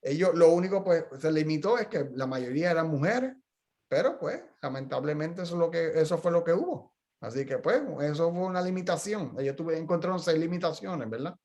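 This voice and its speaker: A man's voice: on the high side, expressive, brisk, a little mellow. A middle-aged man, a physical therapist, talking casually in a journal club discussion and telling stories with frequent restarts. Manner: chatty storyteller, explains with frequent restarts.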